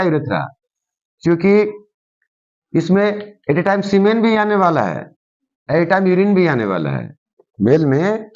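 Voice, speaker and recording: High-voiced male teacher on dull audio. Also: a little mellow. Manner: repeats key terms and quizzes the viewer with "what is it called?". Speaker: science teacher. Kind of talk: explaining a diagram in a class lesson.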